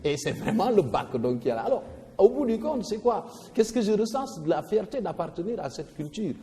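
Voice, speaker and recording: Like a teacher at the board, a man walks through a poetry lesson on verse rhythm, hitting the stressed syllables hard and often restarting words. His voice is mellow and dark yet high-pitched, with a sing-song lilt and a slightly fast pace. A long reverb tail hangs in the room around him.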